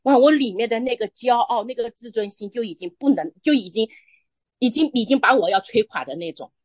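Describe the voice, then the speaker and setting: A woman telling a personal faith testimony in conversation, earnest and halting, restarting her phrases often. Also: fairly high pitch, darkish tone, no room sound, muffled recording. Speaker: church member sharing testimony.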